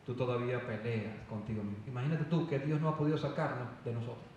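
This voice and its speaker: A man preaching a fervent sermon with loud emphatic calls. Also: medium pitch, steady tone, quick pace, muffled recording, slight background noise. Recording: echoey hall, voice from far off.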